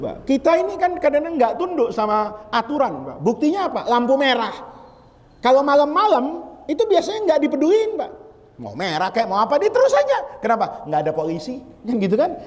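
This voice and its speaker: A man delivers a lively, joking sermon, firing questions at the congregation. His voice sits very high, and a long reverb rings around it in a large mosque hall. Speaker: preacher.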